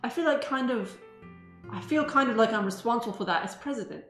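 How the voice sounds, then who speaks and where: A woman voicing a caring, polite schoolgirl club president in an amateur visual novel reading, gentle and reassuring. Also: a little high, expressive, fairly quick. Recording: roomy sound, music behind.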